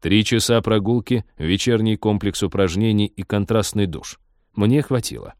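A man narrating an audiobook with expressive, lively reading. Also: fairly low pitch, moderate pace, smooth, dry recording, clean studio sound. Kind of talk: scripted narration.

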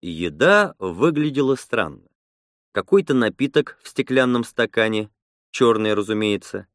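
A man narrating first-person fiction in a calm, expressive storytelling manner. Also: mid-range voice, measured pace, dry recording, clean studio sound. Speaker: audiobook narrator.

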